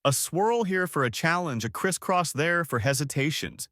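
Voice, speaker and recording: A man narrating a scripted nature documentary in a calm, wry voice, speaking to the listener as "you". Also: a little high, normal speed, no echo, studio quality.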